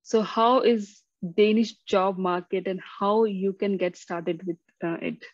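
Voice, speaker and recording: A woman hosts an interview on her own channel. She talks in a chatty way, full of fillers. Her voice has a middle pitch and comes over a dry, slightly muffled call line. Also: fairly even intonation, measured pace, dry recording. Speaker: host.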